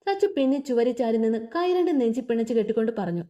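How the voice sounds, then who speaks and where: Expressive woman storyteller, lively voice. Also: a little high, fast talker. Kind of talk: audio story narration.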